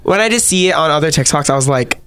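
A man's voice: on the high side, fast, clear, resonant tone, dry recording. A young man from Las Vegas co-hosting a student podcast in casual, gushing chat. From Las Vegas, USA. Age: young adult. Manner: chatty, gushing, excitable. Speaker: co-host, college student.

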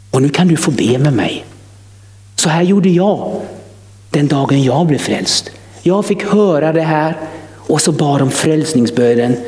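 A man's voice: a little high, a little mellow. A man preaching an evangelistic sermon, rising to fervent emphasis and repeating words for effect. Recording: echoey hall with long reverb.

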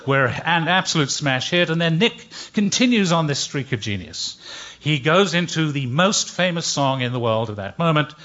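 A man's voice: medium pitch, sharp tone, dull audio. An older man telling a comic story live, with a dry, wry delivery and playful put-on voices. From Britain.

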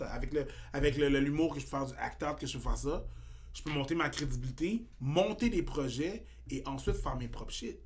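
On a laid-back podcast, a slightly high-voiced male comedian from Quebec talks in an animated way, his French accent mixed with English slang. He grows louder whenever he gets worked up.

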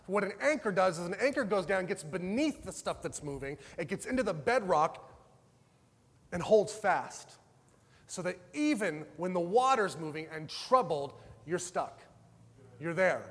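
This sermon comes from a high-voiced pastor who preaches conversationally, moving widely between loud, passionate bursts and gentle, hushed passages. His voice echoes with a long reverb, as if in a large hall.

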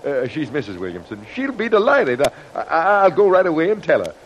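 1940s radio bit part: effusive, flustered, very animated, on a dull noisy recording. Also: male voice, fairly high pitch, fairly quick. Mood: delighted. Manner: gushing, flustered. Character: effusive, excitable, hospitable married fellow.

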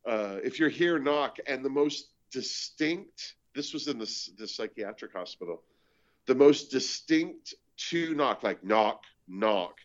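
A middle-pitched man from Canada tells haunted-location stories with comic timing, often popping into the voices of the people he quotes. He talks like a stand-up comedian chatting with a host. The audio is dull and lo-fi. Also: measured pace. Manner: animated storytelling, acts out quoted voices. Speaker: comedian and show host, guest. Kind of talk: casual chat, storytelling.

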